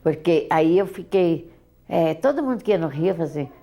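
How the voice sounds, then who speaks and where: An older woman with a Brazilian accent recalls her daughter in an oral history interview, halting and often repeating words. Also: deep voice, expressive, mellow.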